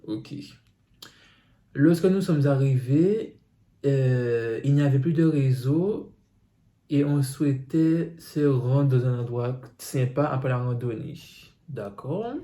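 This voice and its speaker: A man with a warm, medium-pitched voice reads viewer secrets off his phone and reacts with teasing asides. The room gives the recording a noticeable echo.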